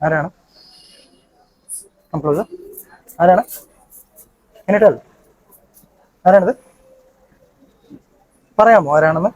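A man's voice: high-pitched, extremely slow, pauses often, a little mellow, dull audio. A young man working as a hypnotist in a demonstration, coaxing his subject and repeating his commands again and again.

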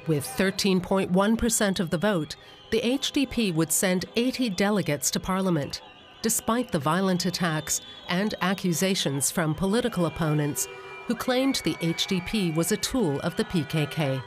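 A documentary narrator reading a calm, even, scripted narration. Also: medium pitch, normal speed. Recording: narration over music and crowd noise.

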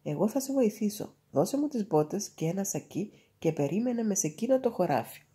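A woman's voice: mid-range voice, expressive, mellow, breathy edge. A woman voicing a sly, clever male cat in boots in a storybook reading, speaking eagerly. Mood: cunning. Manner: eager, scheming.

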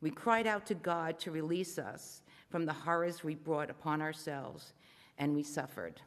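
A worship reader reading a modern psalm aloud in church, steady and solemn. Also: medium pitch, unhurried. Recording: long reverb of a church sanctuary.

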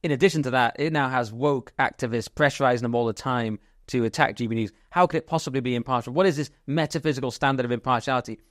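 Male podcast co-host, quick and wisecracking, dry close mic. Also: mid-range voice, dry recording. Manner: fast, jokey, animated riffing. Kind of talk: casual political chat.

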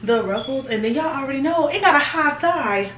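A woman's voice: sits high, lively intonation, fairly quick, a bit bright, slight background noise. A young woman, chatting casually to viewers as she tries on clothes in a fashion haul. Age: 20s. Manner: chatty, talks straight to viewers. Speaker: fashion vlogger. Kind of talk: casual try-on haul chat. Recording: echoey room, voice a little far from the mic.

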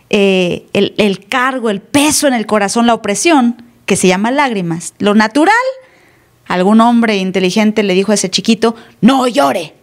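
A woman pastor giving a live sermon in a conversational way, acting out quoted dialogue and asking the congregation questions. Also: on the high side. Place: church. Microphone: live stream.

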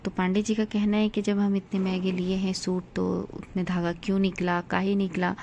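A woman's voice: mid-range voice, little pitch movement, normal speed, vocal fry, dark tone, lo-fi sound, a little hiss or hum. A woman in her thirties chatting casually to her viewers as friends in a family vlog. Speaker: family vlogger.

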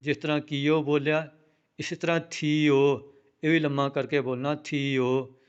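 A man teaching scripture pronunciation, chanting each line slowly and then explaining briskly how to say it. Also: fairly high pitch, steady tone, clean tone, dull audio. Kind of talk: slow chanted recitation with spoken explanations.

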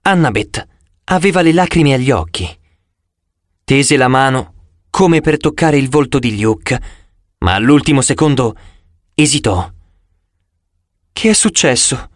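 A man reading a first-person audiobook narration in an expressive storytelling manner. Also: medium pitch, measured pace, long pauses, dry recording, clean studio sound.

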